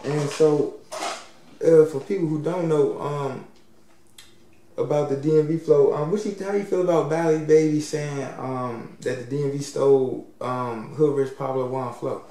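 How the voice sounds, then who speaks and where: A man asking halting, casual questions as an interviewer. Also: on the high side, fairly even intonation, mellow. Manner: halting questions, repeated short agreements. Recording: echoey room, distant mic, faint noise.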